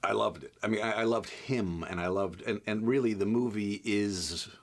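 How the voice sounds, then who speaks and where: A man's voice: fairly low pitch, moderate pace. A man being interviewed as an actor, telling a profane anecdote animatedly and acting out the other people's voices.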